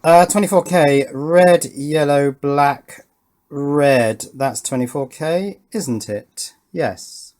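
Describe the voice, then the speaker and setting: This Englishman in his fifties has a voice on the high side, slightly mellow and slow. He makes videos about his electronics hobby, chatting in a loose, wandering way as he works and pausing to question his own thinking aloud.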